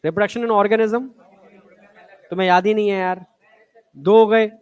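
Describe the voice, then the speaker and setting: A man's voice: high voice, steady tone, fairly quick, clear, resonant tone. Male teacher. Coaxing classroom lecture where he quizzes the students. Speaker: biology teacher.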